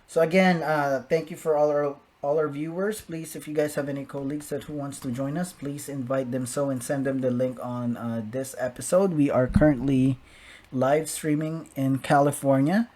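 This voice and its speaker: A man's voice: medium pitch, steady tone, moderate pace, a little mellow. A man hosting a live-streamed interview show, apologetic and flustered by technical glitches. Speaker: host.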